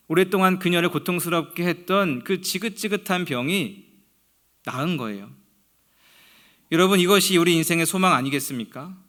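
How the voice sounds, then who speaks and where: A male pastor preaching a sermon in an earnest way. He slows down to read scripture aloud and lets his voice fall low and quiet at the ends of phrases.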